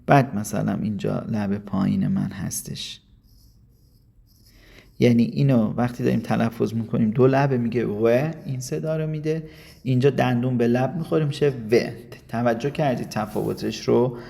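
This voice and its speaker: A gravelly-voiced man from Iran leads a casual video lesson. He speaks at a medium pitch and coaxes his students along, mixing in slow English phrases. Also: warm tone. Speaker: English teacher.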